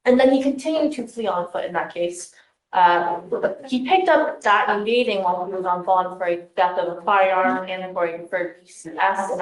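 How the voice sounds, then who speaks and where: A female prosecutor arguing at a bond hearing in a courtroom, going through case details with frequent "uh" fillers. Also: lowish voice. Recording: roomy courtroom sound.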